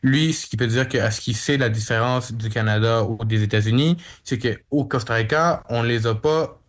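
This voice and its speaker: A man's voice: mid-range voice, normal speed. A young man interpreting a guest's words on the radio, restarting and rephrasing often. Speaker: simultaneous interpreter.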